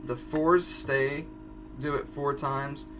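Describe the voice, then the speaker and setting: Teen boy, rambling drum-tutorial host, mid-pitch, off-mic with loud drums nearby. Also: level tone, slow pace, recorded from a distance, music in the background. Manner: chatty, self-correcting, rambling asides. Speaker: drumline student teaching audition exercises.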